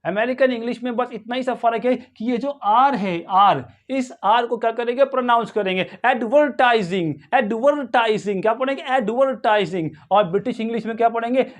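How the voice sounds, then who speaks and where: A man teaching English pronunciation, asking and answering his own questions and repeating each word slowly. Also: very high-pitched. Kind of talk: pronunciation lesson in Hindi.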